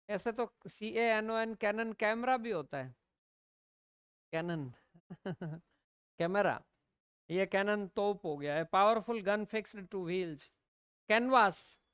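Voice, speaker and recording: A female teacher from India explains English vocabulary in a Hindi-English classroom lesson, spelling words letter by letter. She speaks slowly and often checks understanding with "है ना?". Her mid-range voice is smooth, recorded with clean studio sound and no room noise.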